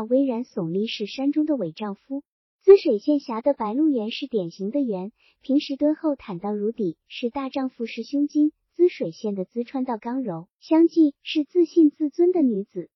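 A woman narrating a novel in a measured, literary storytelling manner. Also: high voice, animated, dry recording. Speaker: audiobook narrator. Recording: dull, dry audiobook recording.

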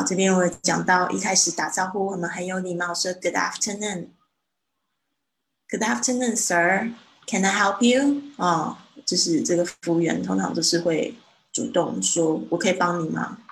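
A woman gives a live online English lesson, explaining each phrase step by step and saying it slowly to model it. Her low voice has a gravelly edge. The recording is roomy, with a faint noise underneath. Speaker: English teacher.

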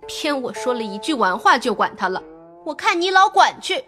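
An actress voicing a lively, quick-tongued young maid who talks back with sarcasm. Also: female voice, high-pitched, faint music behind, exaggerated voice. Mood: sarcastic. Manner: teasing, then sharp and sarcastic. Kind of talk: audio drama acting.

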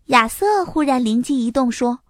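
A woman reads a children's story aloud with clear, expressive narration. Her voice sits fairly high, and the recording is close and completely dry. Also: normal speed, no echo.

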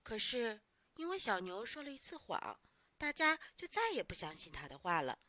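Woman reading a kids bedtime story, coaxing, bright voice, fairly high. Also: moderate pace. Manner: warm, animated, coaxing. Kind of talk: bedtime story narration for children.

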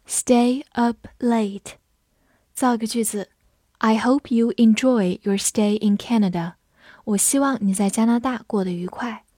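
A woman teaching English vocabulary, spelling words letter by letter and reading example sentences slowly and patiently. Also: medium pitch, a little mellow, no echo, clean studio sound. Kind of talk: vocabulary lesson, spelling and slow read-alouds.

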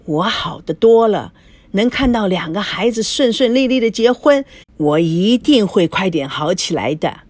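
A sick old grandmother over seventy, weak and gentle, put on by a woman narrating the story. She talks slowly in a soft, breathy voice that sounds dry and close. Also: medium pitch, lively intonation, no echo, lightly acted. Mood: grateful.

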